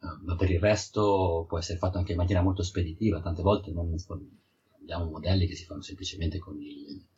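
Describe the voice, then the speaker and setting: A man from Italy with a deep, very husky voice, explaining technical matters as an interview guest. He talks conversationally, often doubling words and restarting. The audio is dull and muffled. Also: fairly even intonation, a little fast, darkish tone. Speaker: interviewed field geology researcher.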